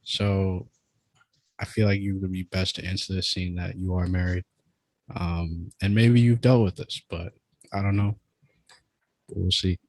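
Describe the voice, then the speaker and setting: A man co-hosting a podcast presents a segment loosely, with plenty of ums and uhs. His voice is very deep. The sound is dry and close. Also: level tone, unhurried, long pauses, a little mellow, no room sound, poor audio. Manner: loose, filler-heavy presenting. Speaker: podcast co-host. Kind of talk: casual podcast chat.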